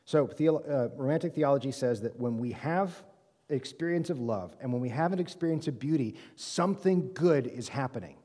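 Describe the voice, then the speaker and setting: Mellow-voiced man teaching in a reverberant hall. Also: mid-range voice, animated, moderate pace. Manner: conversational, checks in with "right?" and "okay?"; frequent "um" fillers and self-corrections. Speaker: Bible study teacher. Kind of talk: classroom lecture. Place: reverberant room with a live group. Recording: long room reverb.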